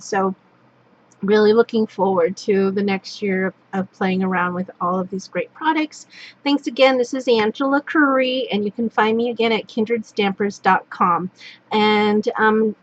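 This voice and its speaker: With a voice on the high side that's gone hoarse and is giving out, a Northern California woman casually rambles through a craft product catalog, stumbling over ums and restarts. An overhead camera on a wooden table indoors shows only her hands, and the audio has its highs cut off.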